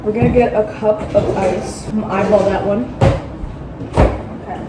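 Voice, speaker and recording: In her home bathroom and kitchen, a woman rambles through a casual cooking vlog, mocking herself and filling gaps with plenty of ums. Her mid-range voice keeps a steady tone at a normal speed. She's recorded off-mic in a roomy space where household sounds come through.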